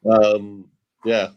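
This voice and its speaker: English co-host, lowish voice, dry jokes and casual match calls. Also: male voice, muffled recording, a little hiss or hum. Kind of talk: casual chat and play-by-play.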